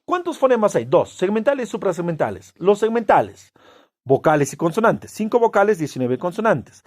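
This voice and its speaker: A man gives a classroom lecture, posing rhetorical questions and answering them himself. He leans hard on key words with drawn-out stresses, his pitch leaping up and down in a very animated way. The recording is close and dry, with no room echo. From Peru. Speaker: teacher.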